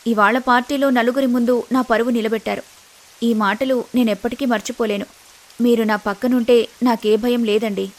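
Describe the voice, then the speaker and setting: A woman voicing a gentle, grateful young wife in an animated family story, speaking softly. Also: a little high, moderate pace, natural voice. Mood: tender. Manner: soft, grateful.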